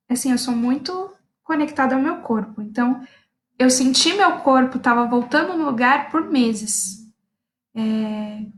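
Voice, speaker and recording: Uma jovem parteira contando o próprio parto num relato casual e animado, rindo com frequência. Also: female voice, sits high, roomy sound. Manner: animated storytelling, laughs often, acts out her own quoted orders. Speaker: midwife recounting her own birth. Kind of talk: personal birth story, casual talk.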